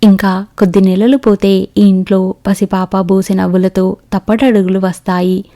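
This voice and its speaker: A woman narrating an audiobook novel in a steady, even storytelling manner. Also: mid-range voice, normal speed.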